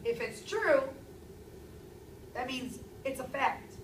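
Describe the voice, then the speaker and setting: A woman in her thirties teaches a language lesson to a class, her voice fairly high and her key words given strong stress. She is picked up by a camera across an echoey classroom. A steady hum of room noise sits behind her. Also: slow, recorded from a distance. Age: 30s. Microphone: far camera.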